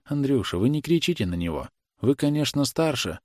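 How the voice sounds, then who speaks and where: A man's voice: medium pitch, expressive, a little slow, darkish tone, no room sound, clean studio sound, pitched above the performer's own voice, close to an everyday voice. A man voicing a tender, anxious working-class mother who speaks in a pleading, trembling way. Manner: pleading, tremulous.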